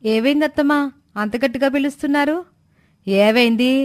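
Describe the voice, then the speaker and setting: A timid young newlywed daughter-in-law in a storybook, played by a woman. She answers softly and politely, pitched above the other women she voices. The sound is dry and close. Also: a little fast, no echo, natural voice. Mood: meek. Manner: meek and polite. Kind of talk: storybook voice acting.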